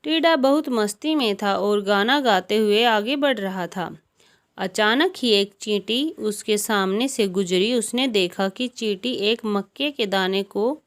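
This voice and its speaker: A woman narrating moral stories for children in a calm, deliberate reading style. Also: mid-range voice. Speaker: storyteller. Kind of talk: storybook narration.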